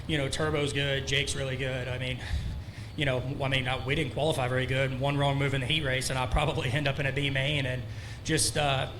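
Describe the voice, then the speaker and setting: Breathless, fast-talking race winner man. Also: medium pitch, flat delivery, noisy background. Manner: rambling, loose, thankful with many fillers. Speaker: winning race driver. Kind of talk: post-race interview. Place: outdoor dirt racetrack.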